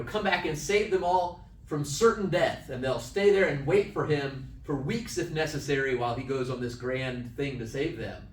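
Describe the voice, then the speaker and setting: A man speaking at a camp class, telling a story in a casual, animated way and often checking in with his listeners. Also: fairly high pitch, a little hiss or hum. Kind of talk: casual lesson talk. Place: room at a camp. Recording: echoey room, mic at a distance, faint ambience.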